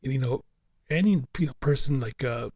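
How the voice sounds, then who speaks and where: A man co-hosting a casual podcast chat, recorded dry and close. He rambles, circling his point with "you know" and restarts. His pitch sits in an ordinary middle range. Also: a little fast, a little mellow, husky, no room sound. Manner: rambling, fills with "you know", repeats himself. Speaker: podcast co-host.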